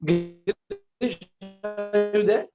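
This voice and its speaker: A man with a fairly high voice teaches over a shaky phone call from outdoors, his words breaking up on the line. The sound is muffled and distant, and he keeps repeating himself and asking whether anyone can hear him. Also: steady tone, extremely slow, faint music behind. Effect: voice breaking up over a bad call connection. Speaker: spiritual teacher answering questions. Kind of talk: live online question-and-answer teaching. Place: outdoors by a lake.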